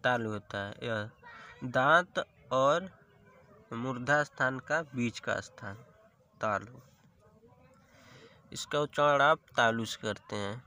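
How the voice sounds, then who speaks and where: Slow, bright-voiced male Hindi teacher. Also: mid-range voice. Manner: patient, spells out each letter one by one. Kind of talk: slow classroom explanation.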